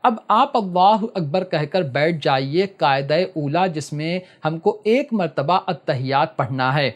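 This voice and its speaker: A man's voice: fairly high pitch, expressive. A man teaching prayer step by step, patiently and repeatedly telling listeners to listen carefully. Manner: switches to slow chanted recitation for prayer texts. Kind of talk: step-by-step spoken instruction.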